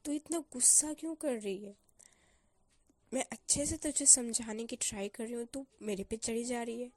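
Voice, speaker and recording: A woman's voice: a little high, normal speed, a little mellow, dry recording, close to an everyday voice. A woman voicing a young female college student, a blunt but caring best friend who lectures firmly and coaxes. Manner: firm, coaxing, lecturing. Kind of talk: storyteller voicing a character.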